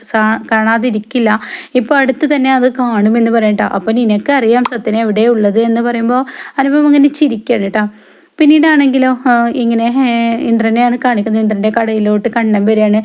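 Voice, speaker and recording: A woman rattles through the plot of a TV serial in a quick, steady patter. Her pitch barely moves as she passes lines from one character to the next. Small "eh" fillers and soft tag words close off many of her sentences. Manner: rapid, even retelling with frequent "eh" fillers and soft trailing tag words. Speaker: TV serial recap vlogger. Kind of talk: casual retelling of a TV serial episode.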